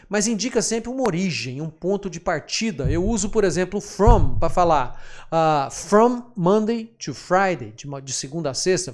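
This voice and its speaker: A man teaching English grammar patiently, checking in often with his students. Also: sits high. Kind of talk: screen-share lesson explanation.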